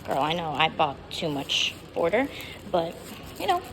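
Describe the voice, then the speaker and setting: A woman's voice: deep voice, big pitch swings, a little slow, noisy background. A young woman teacher chatting casually in a vlog, full of fillers and upbeat asides. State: out of breath. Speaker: first grade teacher.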